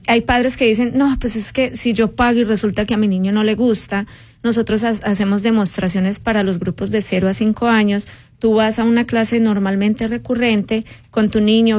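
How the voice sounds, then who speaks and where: A woman appearing as a radio guest, explaining the programs of a community music school in a steady, informative way. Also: medium pitch, dry recording. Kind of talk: radio interview.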